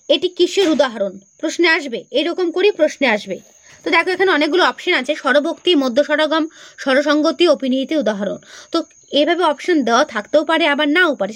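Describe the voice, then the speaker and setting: A woman's voice: high voice, no room sound. A woman teacher going through exam grammar questions, asking each question and then answering it herself, repeating the key terms for her students. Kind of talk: exam-prep grammar lesson.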